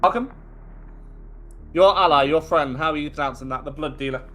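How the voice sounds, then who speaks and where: A man narrating as game master of a tabletop game, animated and chatty, with asides to his players. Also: on the high side, a little fast.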